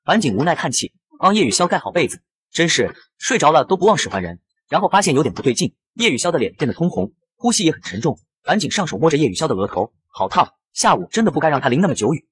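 A man narrating a comic story in fast scripted recap style. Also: on the high side, big pitch swings, fairly bright tone, slightly rough, no room sound, studio quality. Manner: rapid, brisk storytelling delivery.

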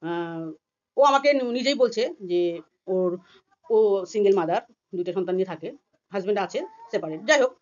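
A woman from India ranting fast and agitatedly in a personal vlog, often acting out other people's words. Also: medium pitch, lively intonation, darkish tone, highs cut off. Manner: rapid and agitated, acting out quoted voices. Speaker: vlogger. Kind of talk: heated personal vlog rant.

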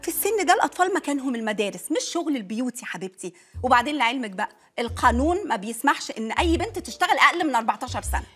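Brief: a soothing Egyptian mom, high voice, brisk delivery. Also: female voice, very animated, a bit bright, husky, no room sound, exaggerated voice. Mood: reproachful. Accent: Egyptian Arabic. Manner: affectionate, calls everyone darling. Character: tender, reasoning middle-aged mother, soothing. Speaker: mother and neighbor. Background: music.

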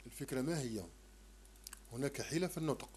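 A man teaching a primary-school French lesson, slowly sounding out syllables and repeating them. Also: mid-range voice, a little mellow, slight background noise. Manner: slow, repetitive, sounds out syllables.

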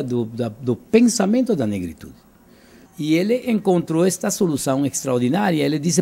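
An older man from Cuba speaks in an interview in a living room, close to a handheld microphone. His voice is gravelly, husky and dark. He talks earnestly and with emphasis, repeating and restarting words as he builds his point. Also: high-pitched. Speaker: interviewee, author. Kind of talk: interview answers. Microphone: handheld mic held by interviewer.

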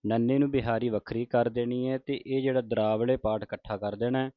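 A Punjabi-accented man teaching the correct pronunciation of scripture, reciting verses slowly and then correcting common mistakes. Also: medium pitch, fairly even intonation, no echo, narrow, tinny audio. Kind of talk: slow recitation with pronunciation instruction.

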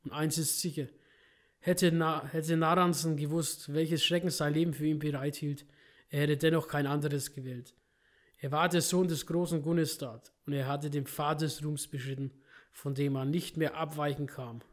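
A man's voice: a little high, steady tone, moderate pace. A man hosting a game playthrough, reading in-game books aloud with small slips he corrects. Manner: reads narration steadily, with small slips and self-corrections. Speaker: let's play host.

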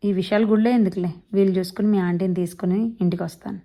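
A woman voicing a blunt, brisk old man in his seventies with a ringing voice, rattling off fast village speech. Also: mid-range voice, fairly even intonation, mellow, natural voice. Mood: hearty.

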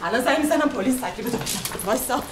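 An actress playing a volatile addicted woman who threatens and shouts. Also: fairly high pitch, lively intonation, reverberant, heavy background noise, lightly acted. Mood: hostile. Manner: aggressive, shouting. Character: hostile addicted woman, defensive then breaking down. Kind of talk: film drama acting.

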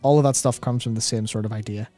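A man in his thirties co-hosts a gaming discussion show, chatting casually and analytically about game lore in a rambling, self-correcting way. His voice is warm and fairly low, with fairly even intonation and a quick pace. He speaks into a close broadcast mic on a boom arm in a small foam-treated studio, with soft background music.

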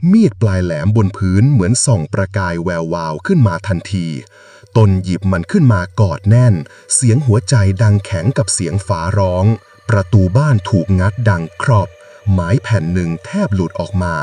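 A man's voice: sits low, mellow. A man narrating a ghost story in a dramatic, suspenseful way. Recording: distant mic with music underneath. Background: background music.

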